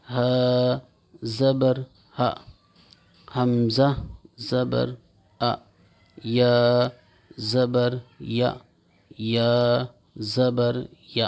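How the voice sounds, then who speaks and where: Man with a gravelly voice drilling letters. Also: medium pitch, a little mellow. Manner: slow, repetitive letter-by-letter drilling with short explanations. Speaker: Quran reading teacher. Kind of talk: spelling lesson, drilling Arabic letters.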